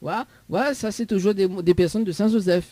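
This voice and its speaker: High-voiced teasing radio host with a Réunion accent. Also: male voice, moderate pace, crowd noise. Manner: teasing, joking, laughs often. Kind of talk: live call-in radio game.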